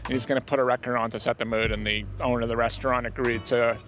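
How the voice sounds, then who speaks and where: A man's voice: mid-range voice, level tone, fast, a bit bright. A man hosting a music interview, asking playful, joking questions. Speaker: interviewer, host. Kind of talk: casual interview.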